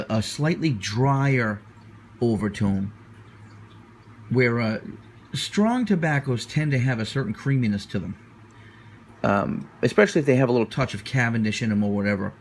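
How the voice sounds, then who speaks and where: A man giving a casual, unscripted product review as a reviewer, hesitant and often repeating himself as he searches for words. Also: medium pitch. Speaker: pipe tobacco reviewer. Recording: noticeable background noise.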